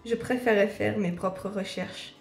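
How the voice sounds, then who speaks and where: A woman's voice: medium pitch, steady tone, measured pace, vocal fry, darkish tone, roomy sound, faint music behind. A woman with a sore throat reading the hesitant, apologetic lines of a shy young heroine from a game. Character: shy young heroine living among vampires. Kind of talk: reading game dialogue aloud.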